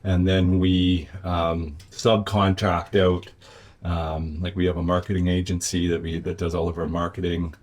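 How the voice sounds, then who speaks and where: Male interview guest, business owner type: deep, level voice, reflective and conversational, feeling out his words. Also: little pitch movement, a little slow, darkish tone.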